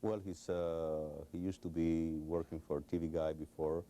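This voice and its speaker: This middle-aged man from Cuba, a guest in a recorded television interview, speaks at normal speed in a very deep, mellow, level voice. His Cuban Spanish accent comes through as he answers haltingly, restarting and using many fillers.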